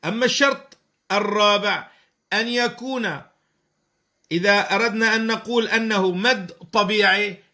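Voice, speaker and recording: A man teaching Quran recitation rules in a slow, patient lesson, repeating letters and stretching out example syllables. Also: sits high, pushed and bright. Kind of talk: spoken tajweed lesson.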